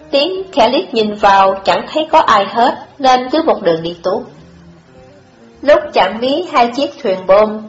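A woman narrating an audiobook in a measured, expressive storytelling style. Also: on the high side. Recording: dull lo-fi audio, echoey room, faint music.

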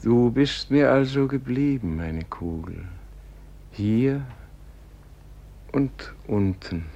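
An actor playing a gentle old Gandhi in a German radio play, speaking solemnly and lyrically, with hushed phrase endings. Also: male voice, medium pitch, takes it slowly, lo-fi sound. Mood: calm, questioning. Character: dying Gandhi, gentle old man, awed and sorrowful.

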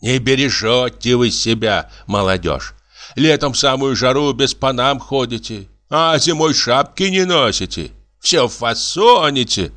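A man's voice: mid-range voice, lively intonation, unhurried, fairly bright tone, pitched above the performer's own voice. A man voicing a fussy, meddling old village woman in an audiobook, lamenting in a folksy drawl.

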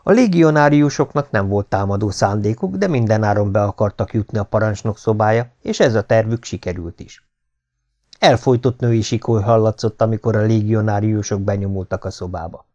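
A man giving a measured, scripted audiobook narration. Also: lowish voice, mellow, lo-fi sound.

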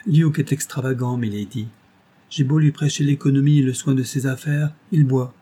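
A man's voice: mid-range voice, fairly even intonation, normal speed, warm tone, breathy edge, close to an everyday voice. A man reading as a timid, pleading innkeeper's wife. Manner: humble, apologetic, pleading. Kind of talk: audiobook reading.

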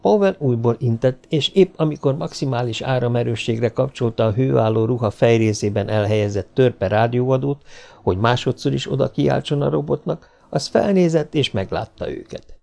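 Male audiobook narrator, mid-range, gravelly, measured pace. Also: mid-range voice. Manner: steady, measured storytelling. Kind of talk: audiobook reading of science fiction.

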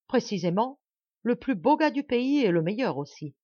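A woman reading an audiobook, voicing an older country gentleman who calls out excitedly. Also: on the high side, moderate pace, no room sound, dull audio, voice pushed up. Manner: exclamatory, calling out.

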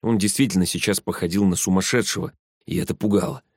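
A man with a low voice narrates a story in the first person. His reading is even and measured. The sound is dry and close. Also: breathy edge, dry recording. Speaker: audiobook reader.

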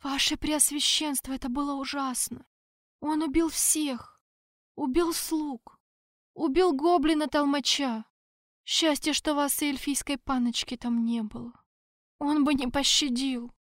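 A woman's voice: high-pitched, steady tone, measured pace, dry recording, studio quality, voice pushed up. Woman voicing a terrified wounded envoy. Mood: horrified. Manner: weak, frightened, pleading.

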